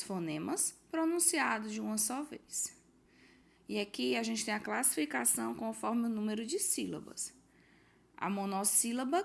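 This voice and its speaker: Her mid-range voice carries some vocal fry as this Brazilian teacher records a homework walkthrough. Patiently, she takes her pupils through the worksheet, reading the questions out and explaining with hints.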